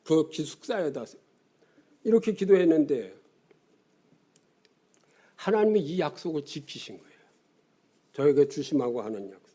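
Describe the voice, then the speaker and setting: Older man, pastor, sermon, high pitch, warm mellow tone, animated storytelling. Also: moderate pace, pauses often, slightly rough. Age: 70s. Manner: animated storytelling with sudden drops.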